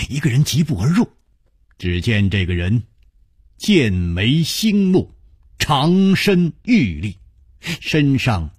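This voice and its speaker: Slow, expressive male storyteller with a husky voice and dry sound. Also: no room sound. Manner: dramatic, unhurried, wide pitch swings. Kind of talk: traditional oral storytelling.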